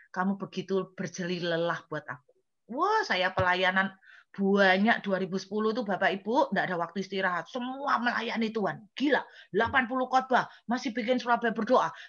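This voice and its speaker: A woman's voice: medium pitch, fairly bright tone, highs cut off. A woman evangelist preaching a humorous storytelling sermon, often turning to address the congregation.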